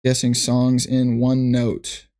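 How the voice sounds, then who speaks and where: A man's voice: mid-range voice, monotone, slow, mellow. A man streaming from his computer, thinking aloud in a loose, rambling way with frequent restarts as he chats to viewers. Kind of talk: casual livestream chat.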